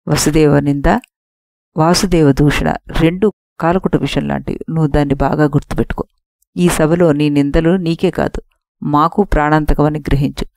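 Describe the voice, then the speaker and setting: A woman voicing an angry elder nobleman who scolds a tyrant king in a forceful manner, in an audiobook story. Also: low voice, creaky, dry recording, clean studio sound.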